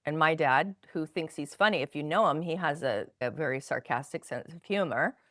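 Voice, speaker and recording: Soft-spoken woman explaining calmly. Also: low-pitched, normal speed, no echo, studio quality. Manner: gentle, reflective, speaks in flowing run-on thoughts. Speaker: guest, spinal energetics practitioner. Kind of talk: conversational podcast interview.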